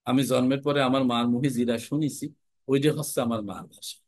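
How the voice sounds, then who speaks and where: Man lecturing on spoken art, lively. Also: medium pitch, brisk, no echo. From Jhenaidah, Bangladesh. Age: young adult. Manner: lively, animated, switches into regional dialects to illustrate. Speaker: recitation and elocution teacher. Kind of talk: classroom lecture.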